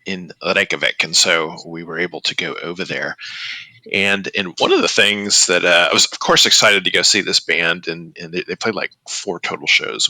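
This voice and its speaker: Casting: middle-aged male podcast host, low gravelly voice, bright tone, rambling casual delivery. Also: dry recording, low-quality recording. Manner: rambling, hesitant with many fillers and restarts. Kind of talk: casual chat.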